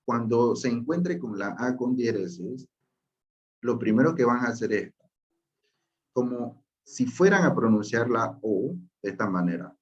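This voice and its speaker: Man, language teacher, slow unhurried delivery, patient, repeats and checks in, slightly muffled lo-fi sound. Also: medium pitch, lively intonation. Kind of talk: slow explanatory lesson.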